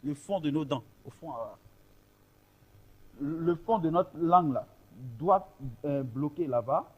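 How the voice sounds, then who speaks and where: A man's voice: on the high side, lively intonation, takes it slowly, husky, muffled recording. A man teaching a choir vocal technique, explaining vowel shapes patiently and counting the group in.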